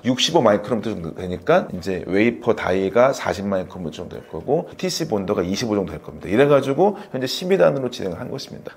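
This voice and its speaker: A middle-aged former chip researcher, appearing as a guest expert in an interview, explains technical points in a low, darkish voice. His lecturing style is full of fillers and self-corrections.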